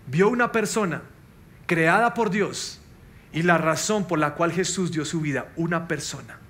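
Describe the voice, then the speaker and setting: Man, pastor, sermon, high voice, impassioned with soft asides.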